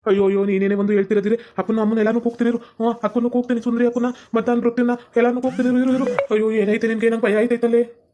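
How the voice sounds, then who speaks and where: A man's voice: very high-pitched, flat delivery, rapid-fire, background noise. A man playing a flustered young husband with a North Karnataka Kannada accent. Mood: panicked. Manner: flustered, calling out in a hurry.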